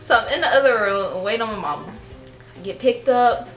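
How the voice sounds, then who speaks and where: A woman's voice: fairly high pitch, animated, a little fast, roomy sound, soft background music. A young adult woman casually telling a personal story to her viewers, full of "like" and "um". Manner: chatty, lots of fillers like "like" and "um". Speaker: vlogger.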